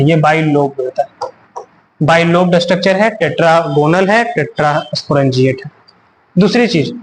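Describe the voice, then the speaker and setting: A man's voice: high-pitched, a little hiss or hum, poor audio. A man teaching a biology class, asking questions and answering them himself, repeating key terms and mixing in English words. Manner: mixes in English terms and reads English text aloud. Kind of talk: classroom lecture on a recorded video.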